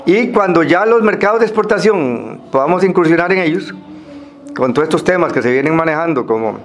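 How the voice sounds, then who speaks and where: A Costa Rican man speaking semi-formally to a group, explaining things in a halting way with pauses and repeated words. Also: fairly high pitch, lively intonation, slight background noise.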